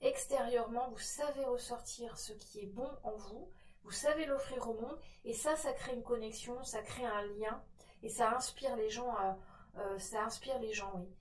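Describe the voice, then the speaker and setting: A woman's voice: fairly high pitch, moderate pace, recorded from a distance. A woman cartomancer giving a casual tarot reading, encouraging and speaking straight to the listener. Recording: roomy echo, voice off-mic.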